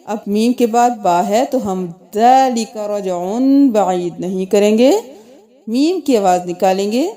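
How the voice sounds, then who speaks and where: A woman teaching Quran reading, spelling out letters and vowel marks, then reciting verses slowly and melodically. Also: medium pitch, expressive, mellow. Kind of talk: tajweed lesson with slow recitation.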